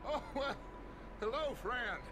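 An actor playing a rough cowboy outlaw speaking with false politeness in a game. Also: male voice, extremely high pitch, lively intonation, slow, noisy background, heavily acted. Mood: polite. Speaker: game character.

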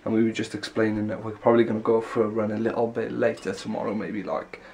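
A young man's creaky, slightly mellow voice, fairly low and flat, moves at a quick pace as he rambles through a casual vlog in run-on sentences. Congested and with a sore throat, he holds a handheld camera at arm's length in small indoor rooms of a house. A little hiss or hum can be heard.

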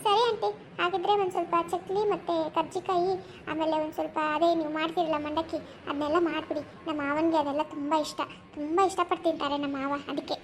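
A lively young niece in a cartoon, quick to question and a little sharp-tongued. Her voice is squeaky and very high, and she talks fast. A faint noise lies beneath it. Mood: probing. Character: lively young woman Priya, protective niece. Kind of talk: cartoon comedy voice acting.

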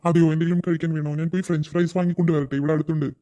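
A performer voicing a young husband and son in a cartoon who answers quickly and defensively. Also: medium pitch, level tone, dark tone, close to an everyday voice. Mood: friendly. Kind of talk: cartoon voice acting.

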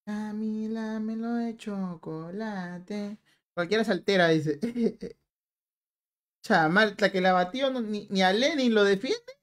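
A man's voice: high-pitched, measured pace, a bit bright. A young man hosts a live game stream, chatting playfully with viewers. He teases them in a casual, joking tone and reads their messages aloud. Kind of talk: live stream chat while gaming.

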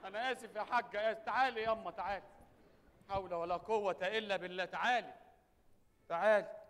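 A man's voice: sits high, fairly even intonation, quick pace, a bit bright. A young Egyptian man playing a cheeky, wisecracking sailor in a stage comedy. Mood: teasing. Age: young adult. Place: large indoor theatre stage. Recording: echoey theatre stage, noisy.

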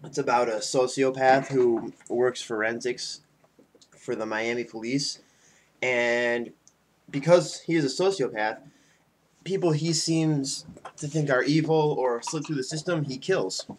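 A little slow and mid-range in pitch, a twenty-something man who's tipsy from beer rambles casually to friends in his homemade vlog. He's in a small indoor room at home, and faint noise comes through the webcam mic about an arm's length away.

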